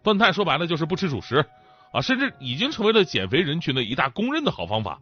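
A man's voice: on the high side, huge pitch swings, fast talker, pushed and bright, breathy edge. A man hosting a comic monologue in a chatty, joking way, with thick, swollen-tongued speech from a sore mouth. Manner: chatty, joking, laughs as they talk. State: mouth ulcer. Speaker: stand-up talk show host. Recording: dull lo-fi sound, faint music behind.

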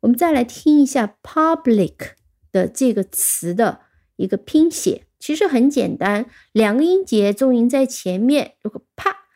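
Woman, English teacher, vocabulary lesson, patient step-by-step explaining, spells letters aloud, slightly high voice. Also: expressive, measured pace. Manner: explains step by step with soft fillers.

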